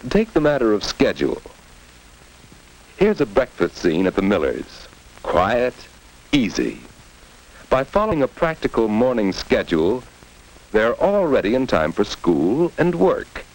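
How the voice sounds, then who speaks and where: A man's voice: mid-range voice, huge pitch swings, unhurried, long pauses, rough recording. A man narrating a mid-century educational film in a scripted, instructive 1950s narrator style, addressing the viewer directly on a vintage soundtrack.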